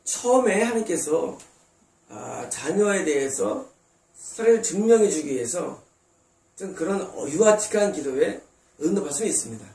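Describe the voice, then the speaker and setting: A man's voice: fairly high pitch, big pitch swings, normal speed, darkish tone. A man preaching a sermon as pastor, emphatic, acting out God and congregants in short quoted asides. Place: church sanctuary. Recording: roomy distant church recording.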